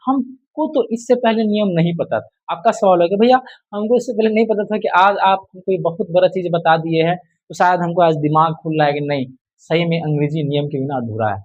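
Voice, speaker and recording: High-voiced man drilling English rules. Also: highs cut off. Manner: repetitive quizzing, drills answers aloud; addresses viewers as friend and brother. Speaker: English teacher. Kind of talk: casual spoken lesson.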